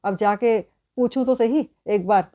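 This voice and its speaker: A gentle male deity speaks fondly and with quiet amusement, as a woman storyteller voices him. The tone is warm and mellow, unhurried and tender. It is part of a spoken devotional tale. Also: fairly high pitch, natural voice. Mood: affectionate.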